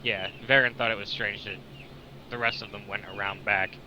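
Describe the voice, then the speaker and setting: A man's voice: fairly low pitch, steady tone, moderate pace, bright, forceful tone. A young man running a tabletop game as game master, casual and laughing, swearing now and then. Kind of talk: narrating a tabletop game over voice chat. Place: home with chickens nearby. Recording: dull lo-fi mic with faint noise.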